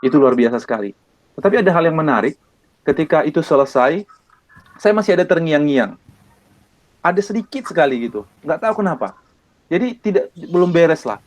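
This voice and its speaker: A man from Indonesia, an evangelist, telling his personal testimony in an earnest way, with many pauses and repeated phrases. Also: fairly high pitch, big pitch swings. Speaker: evangelist guest.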